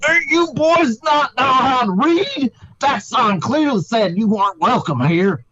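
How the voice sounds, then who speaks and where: A man puts on a booming voice from high in the sky, scolding the heroes in a drawl. It sounds high, slow and set back from the mic. The recording is dull and lo-fi. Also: animated, fairly bright tone, no echo, heavily acted. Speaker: game master. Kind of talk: tabletop game narration.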